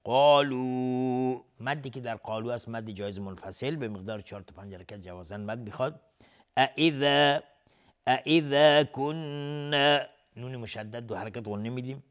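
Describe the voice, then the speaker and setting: A man teaching Quran recitation rules, explaining each point plainly and stopping now and then to chant words slowly and louder. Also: fairly low pitch. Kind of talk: tajweed lesson with chanted recitation.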